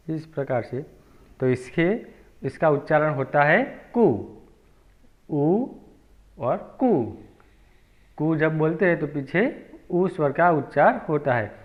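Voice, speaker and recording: A male teacher patiently leading a children's lesson, repeating each sound aloud for the class. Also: on the high side. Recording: tinny phone-like audio.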